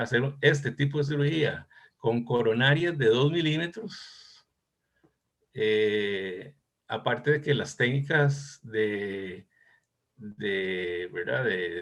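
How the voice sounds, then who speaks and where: This is a man, talking through a medical case in an academic discussion. His voice is low and gravelly, with a husky edge. He speaks slowly, pausing often as he thinks back on earlier years. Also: a bit bright. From Costa Rica. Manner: thoughtful, reminiscing, hesitant. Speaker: cardiologist discussing a case presentation.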